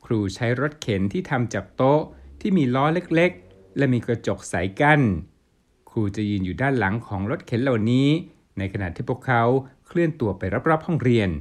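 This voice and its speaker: A man's voice: medium pitch, animated, moderate pace. Thai man reading a news report. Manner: polite formal delivery with Thai polite particles. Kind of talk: scripted news narration.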